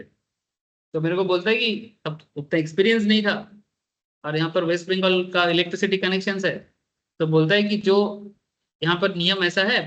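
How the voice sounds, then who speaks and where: A male teacher telling a personal story to his class in an animated way, turning to his listeners directly. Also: sits high. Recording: dull lo-fi recording.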